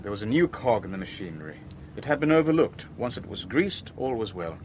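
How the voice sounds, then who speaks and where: Narrating and leading a radio spy drama, the shrewd, weary shipping boss keeps his voice low, using measured, clipped phrases that stay deliberate whether narrating or in dialogue. He is very animated yet guarded and controlled, and noticeable background noise runs behind him.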